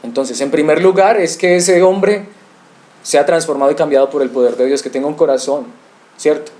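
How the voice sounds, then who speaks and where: Mellow-voiced male pastor preaching. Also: a little high, normal speed. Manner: preaching with rhetorical questions, direct address to the congregation. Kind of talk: expository sermon.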